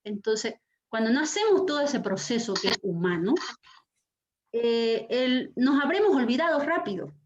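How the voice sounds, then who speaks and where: A woman lecturer hosting an online class, speaking expressively and slowing down to stress her words. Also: a little high, animated, slight background noise. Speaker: university lecturer and session host. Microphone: video call microphone. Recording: dull lo-fi video call audio.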